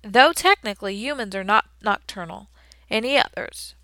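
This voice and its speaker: A woman reading the part of a stern, soft-spoken older female teacher, with a measured, no-nonsense manner. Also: medium pitch, no echo, natural voice. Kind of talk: audiobook character reading.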